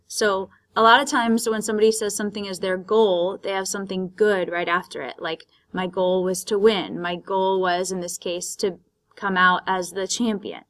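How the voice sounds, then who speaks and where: A woman's voice: mid-range voice, fairly even intonation, a little slow, fairly bright tone. A woman teaching Spanish vocabulary, patiently explaining words in Spanish and English. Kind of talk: vocabulary lesson, bilingual.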